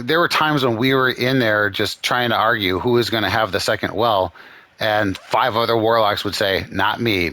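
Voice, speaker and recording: A man's voice: fairly low pitch, bright, forceful tone, no echo. A man hosting a gaming channel, ranting in sarcastic, profane commentary.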